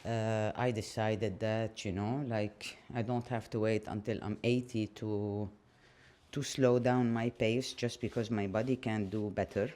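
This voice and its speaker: A man speaking an unscripted personal monologue while washing dishes, reflective and hesitant, with frequent pauses. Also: fairly low pitch, steady tone, darkish tone. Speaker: channel host.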